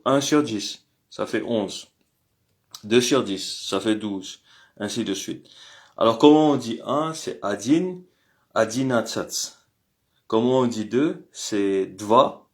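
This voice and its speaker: A man giving a casual online language lesson, patiently repeating each word and pausing often with hesitant fillers. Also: on the low side. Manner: hesitant, with frequent filler pauses. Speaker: language teacher.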